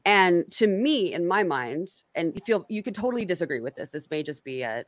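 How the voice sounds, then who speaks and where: A woman's voice: fairly low pitch, sing-song, a little fast, dry recording. A woman hosting a casual online interview, talking in a rambling way with lots of fillers and self-corrections. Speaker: host.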